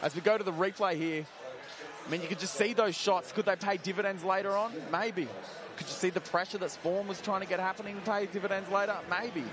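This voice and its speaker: A man's voice: high voice, fairly even intonation, fairly quick. A man giving live play-by-play and analysis as a commentator at a cage fight. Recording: loud crowd behind the commentary.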